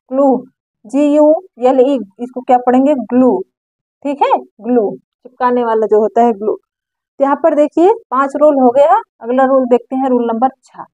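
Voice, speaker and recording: A woman with a high voice teaches pronunciation rules. She spells each word out slowly, then asks the viewer how to read it. The sound is dry and a bit dull and lo-fi. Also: a little mellow, no room sound. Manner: spells words letter by letter and quizzes the viewer; corrects her own slips aloud. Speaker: English teacher. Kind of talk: classroom-style grammar lesson.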